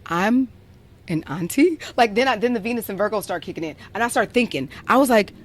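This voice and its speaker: A woman's voice: mid-range voice, animated, fairly quick. Chatty woman podcast host telling a story. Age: young adult. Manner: chatty, peppered with "like", playful. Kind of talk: casual chat, storytelling.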